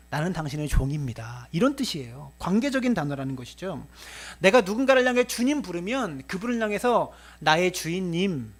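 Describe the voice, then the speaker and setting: A male pastor giving a Sunday sermon, preaching with energy and acting out the voices of a master and his servants. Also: a little high.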